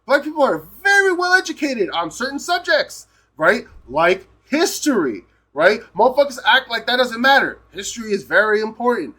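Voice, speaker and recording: A man's voice: very high-pitched, sing-song, normal speed, pushed and bright. A man from Peru, a live streamer, giving a rambling, emphatic and profane casual rant.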